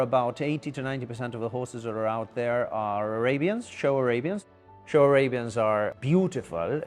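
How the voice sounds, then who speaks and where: A middle-aged man from Argentina talks through his veterinary work in a measured, explanatory way, pausing with the odd filler. Faint music sits beneath his voice. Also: mid-range voice. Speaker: equine veterinarian. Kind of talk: documentary interview.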